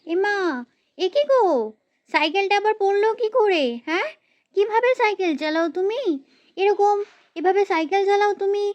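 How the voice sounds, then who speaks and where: A woman's voice: very high-pitched, normal speed, darkish tone, lo-fi sound. A woman voicing a fussy young village housewife in a doll story, grumbling and scolding as she talks. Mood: fussing.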